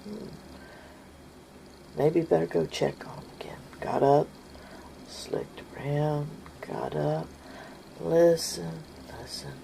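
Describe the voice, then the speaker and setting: A woman's voice: low voice, fairly even intonation, takes it slowly, gravelly, long pauses, dark tone, a little hiss or hum. A woman telling a funny family story in a casual, folksy way, often laughing as she goes.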